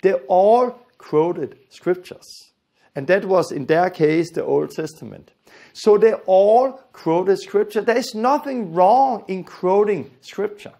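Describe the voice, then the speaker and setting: This Bible teacher's voice is high yet dark-toned and gravelly, and he takes things slowly. He comes from Denmark, speaks Danish natively with a Danish accent, and teaches earnestly and emphatically, repeating the key phrases.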